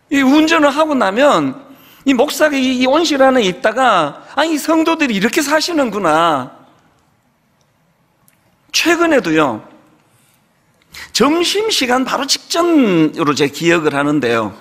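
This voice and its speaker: Middle-aged pastor guy telling a story in his sermon, high voice that jumps around a lot, church hall echo. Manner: conversational, animated storytelling, acting out quoted dialogue. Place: church sanctuary.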